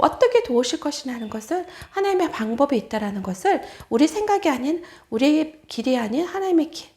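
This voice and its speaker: A woman preaches to children in an animated storytelling way, often turning to ask them questions. Her voice is very high and swings widely in pitch. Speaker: children's ministry evangelist.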